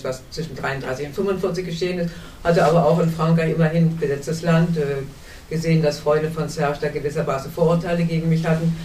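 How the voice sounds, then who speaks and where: A woman's voice: deep voice, darkish tone, slight background noise. Older German woman in an echoey hall. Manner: earnest, searching for words, frequent restarts. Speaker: panel guest. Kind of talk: recounting memories in a panel discussion. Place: cinema hall. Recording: echoey hall, distant mic.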